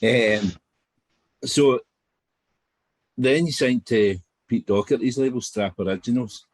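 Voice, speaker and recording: A man hosting a podcast, asking questions in a relaxed, casual way. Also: mid-range voice, slow, no room sound. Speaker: podcast host.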